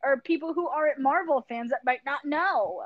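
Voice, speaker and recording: A woman's voice: high-pitched, normal speed, no echo, highs cut off. A woman co-hosting a podcast in casual chat, teasing and sweary, laughing often. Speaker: podcast co-host.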